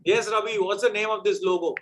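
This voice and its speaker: High-pitched South Indian man hosting a quiz. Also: fairly even intonation, fast talker, slight background noise. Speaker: quiz host. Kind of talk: live quiz hosting, off-the-cuff explanations.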